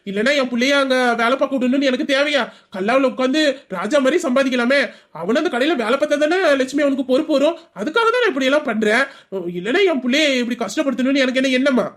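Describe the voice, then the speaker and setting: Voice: high-pitched, fairly bright tone. A performer voicing a stern, thrifty middle-aged father and shop owner who lectures and justifies himself to his wife. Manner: lecturing, self-justifying, persuasive. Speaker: father Sellamuthu. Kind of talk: audio drama acting.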